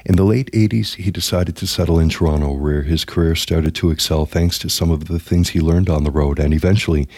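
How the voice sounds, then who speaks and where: A man narrating a scripted news feature as the reporter, in a measured, even way. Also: low voice, no room sound, clean studio sound.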